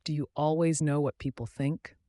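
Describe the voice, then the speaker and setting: A man's voice: fairly high pitch, fairly even intonation, moderate pace, mellow, no room sound, studio quality, close to an everyday voice. A man voicing a reserved young male soldier who speaks tersely and plainly in an audiobook reading.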